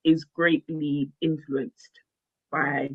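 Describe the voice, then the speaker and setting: A woman in her twenties talking candidly in a casual podcast chat, animated and quick to laugh. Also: sits low, slightly rough, narrow, tinny audio. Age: 20s. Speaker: podcast co-host.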